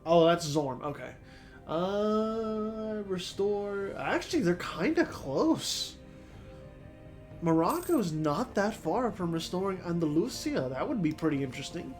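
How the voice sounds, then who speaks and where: A high-pitched man with a sore throat and stuffy nose rambles unhurriedly through casual let's-play commentary on a strategy game, his pitch swinging widely. He thinks aloud with lots of fillers while faint music plays behind him.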